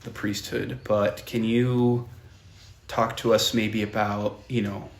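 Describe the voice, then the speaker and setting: A man's voice: lowish voice, little pitch movement, gravelly. A young man hosting a youth podcast, chatty and upbeat, asking questions casually. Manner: chatty, upbeat, quick to laugh. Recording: echoey room with faint noise.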